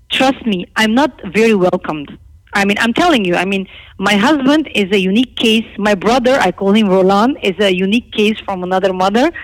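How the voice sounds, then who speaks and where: As an interview guest, a middle-aged Lebanese woman whose native language is Armenian speaks candidly and emphatically about her own life, outspoken throughout. Her creaky voice runs on the high side, and the recording is rough.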